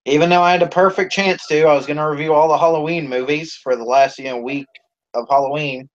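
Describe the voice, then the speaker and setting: A man's voice: fairly high pitch, fairly even intonation, fast talker. Rambling, foul-mouthed man on a live stream. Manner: rambling, heavy swearing, many fillers. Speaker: YouTube channel host. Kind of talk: casual live-stream chat. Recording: dull lo-fi stream audio.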